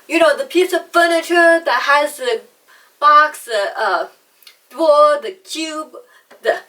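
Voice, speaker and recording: A young woman adopted from China and raised in America vlogs about her speech in a chatty, self-deprecating personal story. She has a slight lisp and some trouble with R sounds. Her voice is fairly high and fairly bright, recorded on a distant mic with poor audio.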